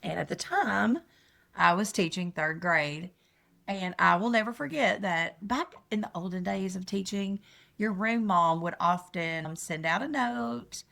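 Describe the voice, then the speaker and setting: A woman's voice: medium pitch, measured pace, vocal fry, a bit bright. An older woman co-hosting a podcast from a hotel room, leading questions in a chatty, emphatic way. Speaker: podcast co-host. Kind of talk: casual chat.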